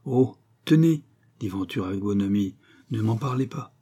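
A man reading an audiobook and voicing a smooth-talking, menacing male villain with falsely genial politeness. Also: lowish voice, animated, normal speed, warm tone. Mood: mock-polite.

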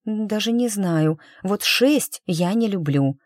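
A woman's voice: mid-range voice, lively intonation, slow, a little mellow, no echo, clean studio sound, pitched above the performer's own voice. A woman reading an audiobook voices a bubbly, naive young noblewoman who talks in breathless, girlish exclamations. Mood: gushing.

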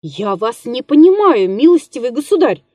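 A woman's voice: on the high side, very animated, moderate pace, mellow, no room sound, clean studio sound. Woman voicing a drunk mocking male musician. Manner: slurred, mocking, wheedling.

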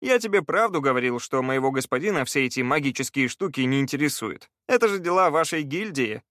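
A man reading an audiobook, voicing a cheerful, practical male treasure hunter in a raised, lively voice. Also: mid-range voice, fairly quick, no room sound, studio quality, natural voice. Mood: brisk.

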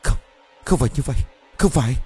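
A man plays a grieving mother in a ghost story, her cries shrill and panicked. The voice swoops up and down. Soft music plays underneath. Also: lively intonation, normal speed, close to an everyday voice. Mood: frantic wailing. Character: frantic grieving older mother, wailing.

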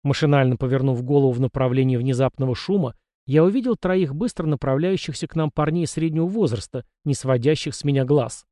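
A man reads a first-person audiobook in a measured, steady way, his voice dark and mellow. The recording is dry and close, with no room sound. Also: medium pitch, no room sound. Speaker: audiobook narrator.

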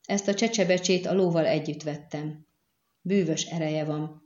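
A woman's voice: low voice, steady tone, a little mellow, close to an everyday voice. Woman reading as a cool wounded young man. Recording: echoey, dull lo-fi recording.

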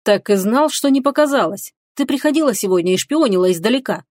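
A woman voicing a stern, devoted male warrior who speaks seriously and in a measured way. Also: medium pitch, a little mellow, dry recording, clean studio sound, natural voice.

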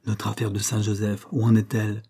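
A man reading a calm, stern village priest. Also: medium pitch, natural voice. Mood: measured. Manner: measured, quietly reproving. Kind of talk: audiobook character reading.

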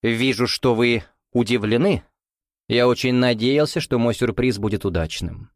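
A man's voice: medium pitch, normal speed, dry recording, close to an everyday voice. A man doing a smug, drawling lodge commander. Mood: mocking. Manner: reproachful drawl, condescending. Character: suave, smug male lodge commander, mocking.

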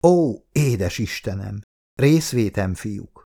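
Man doing a worried farmstead host, eager to help, slightly raised voice, gravelly. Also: lowish voice, expressive, mellow, no echo, clean studio sound. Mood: concerned. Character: hospitable middle-aged male farm host, concerned.

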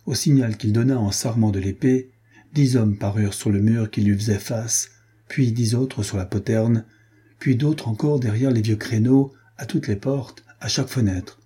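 Deep, very husky male narrator. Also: moderate pace, mellow. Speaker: audiobook narrator. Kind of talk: scripted novel narration.

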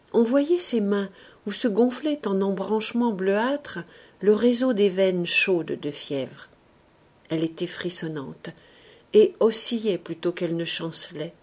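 A woman reading a classic novel aloud. She takes her time with each phrase, measured and expressive. Her voice has a soft, breathy grain. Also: lowish voice. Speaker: audiobook narrator. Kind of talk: literary audiobook narration.

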